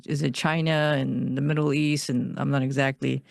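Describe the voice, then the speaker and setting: A woman from Iran, a guest on an interview podcast, telling her life story in an earnest, steady way. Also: rumbling low, moderate pace, creaky, no room sound, studio quality.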